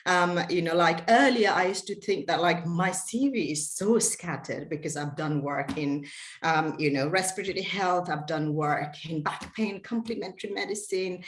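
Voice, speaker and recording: A woman from Nepal in her forties gives a seminar over a video call. Her voice sits low, and she talks in a chatty way, full of fillers and restarts. The sound is roomy and echoey. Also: normal speed. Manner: chatty, warm storytelling with many fillers and restarts. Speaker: senior lecturer giving a seminar talk. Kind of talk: online seminar presentation.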